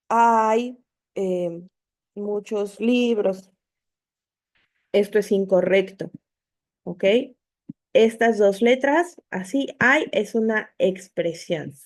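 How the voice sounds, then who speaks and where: A woman with a mid-range, somewhat dark voice works as an online course tutor, patiently walking students through spelling and punctuation. She repeats her points and keeps checking in with "¿ok?".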